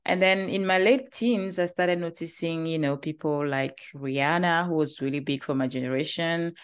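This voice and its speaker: A woman from Cameroon with a Cameroonian accent, a company founder talking about her life in an interview, earnest and quick to laugh lightly. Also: low-pitched, smooth. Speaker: guest, agency founder. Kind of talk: interview conversation.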